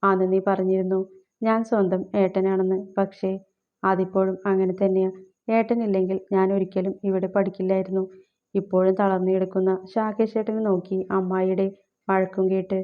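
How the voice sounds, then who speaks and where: A woman's voice: mid-range voice, level tone, moderate pace, lightly acted. A woman voicing a tearful, hesitant young female college student, on a slightly dull recording.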